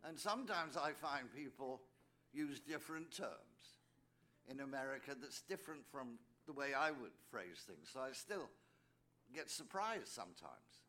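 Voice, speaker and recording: Older english priest guy telling his story at a meeting, mid pitch, jokey asides. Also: sing-song, normal speed, bright, forceful tone. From England. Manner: anecdotal, with joking asides to the audience. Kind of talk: personal testimony speech.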